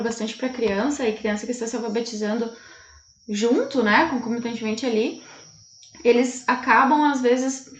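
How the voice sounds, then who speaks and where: A woman's voice: fairly high pitch, fairly bright tone, roomy sound. A woman from Brazil, an English teacher co-hosting, explaining patiently and often checking in with listeners. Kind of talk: casual classroom-style chat.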